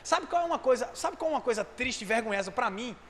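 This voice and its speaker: A man preaching a sermon, fervent and at times rising to shouts. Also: extremely high pitch, expressive, fast talker. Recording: echoey hall with faint noise.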